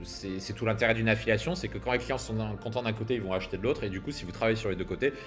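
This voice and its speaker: A man's voice: fairly low pitch, very fast, fairly bright tone, faint music behind. A man coaching copywriters in a casual monologue to camera, filmed outdoors at sunset. He speaks in a punchy, emphatic way, with slang and the odd swear word. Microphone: camera filming himself.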